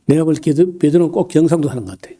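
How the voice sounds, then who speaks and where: Male pastor, sermon delivery, very mellow dark tone, folksy and halting with lots of fillers and throat-clearing. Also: on the high side. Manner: folksy, humorous asides.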